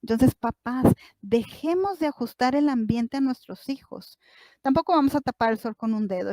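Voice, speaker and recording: A woman's voice: fairly high pitch, dark tone, no echo. A woman, a psychologist giving a workshop talk to parents, speaking directly to them with many rhetorical questions.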